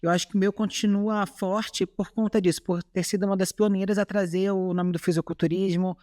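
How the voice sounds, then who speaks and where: A woman's voice: medium pitch, steady tone, a little fast, mellow, no room sound, clean studio sound. A woman from Chile with a Brazilian Portuguese accent, a podcast guest talking earnestly in casual chat. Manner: earnest, tags remarks with "sabe?". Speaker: guest, bodybuilding athlete.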